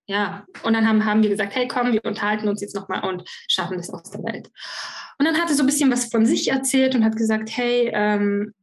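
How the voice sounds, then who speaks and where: A young woman telling her personal story frankly and with emotion as a podcast guest, often restarting her sentences. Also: a little high. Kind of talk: personal interview conversation.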